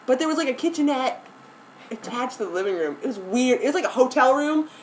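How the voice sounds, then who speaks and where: A woman's voice: high voice, animated, quick pace, a little hiss or hum, rough recording. A young woman casually telling a friend about her dream on camera, giggly and easily sidetracked, filling her talk with "like" and "anyways". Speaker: vlogger. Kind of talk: casual rambling story to a friend. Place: indoor room with friends.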